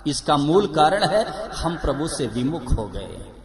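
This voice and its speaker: Man preaching at a live gathering, kinda high voice, repeats his points hard, crowd noise behind. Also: very animated, slow. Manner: emphatic, repeats key phrases. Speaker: religious storyteller. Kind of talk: devotional sermon with story. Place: live gathering before an audience. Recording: live recording with crowd audible.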